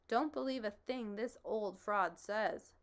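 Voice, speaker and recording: A woman voicing a fussy, excitable male spelling bee who spells words out letter by letter. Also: medium pitch, slow pace. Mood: indignant.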